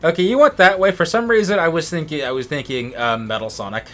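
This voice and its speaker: This American let's play co-host and gamer speaks a little high and quickly, with a fairly bright tone. His chat is loose and meandering, and he keeps restarting his phrases as he comments on the game.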